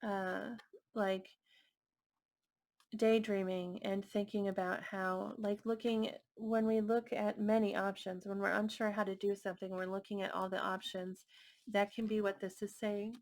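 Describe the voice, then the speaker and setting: Lady doing a tarot reading, soft musing tone, lots of vocal fry, pretty monotone. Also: medium pitch, unhurried. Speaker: tarot reader.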